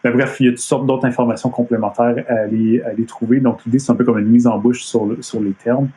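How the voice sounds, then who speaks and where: Montreal French man presenting from home, mid-pitched, casual, lots of hesitations. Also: fairly even intonation, quick pace, dark tone. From Quebec. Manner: hesitant, many fillers and restarts. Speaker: comic artist giving a talk. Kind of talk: casual live-streamed presentation. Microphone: computer mic on a video stream.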